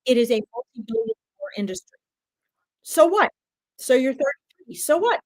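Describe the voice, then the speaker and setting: A woman's voice: high-pitched, big pitch swings, normal speed, dry recording, low-quality recording. A woman in her fifties, a medium giving chatty live readings straight to her viewers. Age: 50s.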